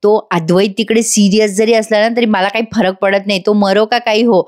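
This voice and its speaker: A woman's voice: medium pitch, fairly even intonation, brisk, darkish tone, lightly acted. A woman voicing a spoiled, callous young man in a TV serial recap. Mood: offhand. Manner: careless, dismissive.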